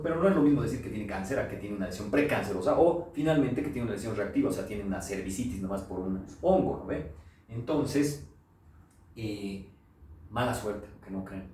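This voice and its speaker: A man's voice: on the low side, slight background noise. A middle-aged pathologist with a Bolivian Spanish accent, giving a lecture full of anecdotes and acting out the voices he quotes. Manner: animated storyteller, acts out quoted voices. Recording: roomy echo, voice from far off.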